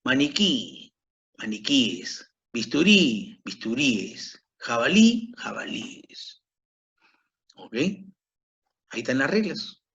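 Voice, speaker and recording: Slow-paced male grammar teacher. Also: mid-range voice, big pitch swings, sharp tone. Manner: slow, repetitive, checks in with "¿ok?". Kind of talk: grammar lesson. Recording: dull lo-fi recording.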